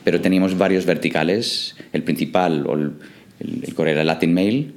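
A man's voice: low-pitched, moderate pace. A man from England, a startup co-founder, answering interview questions in a hesitant way with many fillers and restarts.

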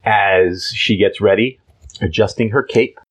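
A podcast co-host with a lowish, husky voice speaks at a measured pace in a casual chat, playfully describing and reading a comic aloud. He's animated and jumps into voices, though the audio is poor.

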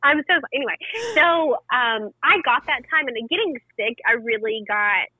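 A woman's voice: a little high, moderate pace, husky, no echo. A woman in her late twenties talking candidly in a casual podcast chat, laughing easily. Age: 20s. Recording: dull, dry, lo-fi sound.

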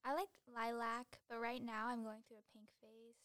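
A woman's voice: on the high side, flat delivery, normal speed, fairly bright tone, clear, resonant tone, no room sound, studio quality. A young woman in her late teens, chatting as a guest in a casual interview, giggly and full of fillers.

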